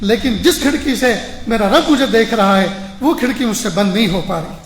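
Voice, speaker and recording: A man's voice: high voice, echoey room, slight background noise. A man voicing a pious young mother who pleads with God in a tearful prayer. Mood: earnest.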